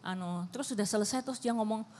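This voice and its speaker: A woman's voice: mid-range voice, quick pace, a little mellow, in a large hall. A middle-aged woman speaking at a church family seminar, chatty and loose, with many fillers and restarts. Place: church hall.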